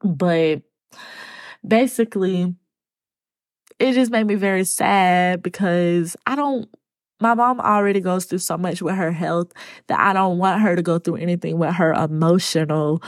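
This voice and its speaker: A woman hosting her own podcast, talking to her listeners in a halting, choked-up way and close to tears. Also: lowish voice, no room sound. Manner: speaks to listeners as y'all. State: tearful. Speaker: podcast host. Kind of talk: personal solo podcast talk.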